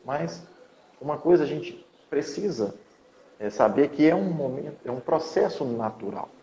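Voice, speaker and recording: A man's voice: fairly high pitch, lively intonation, normal speed, gravelly, dark tone. A man hosting a conversation on grief speaks in an earnest, encouraging way and repeats his phrases. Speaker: host, hypnotherapist. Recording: echoey, dull audio with faint hiss.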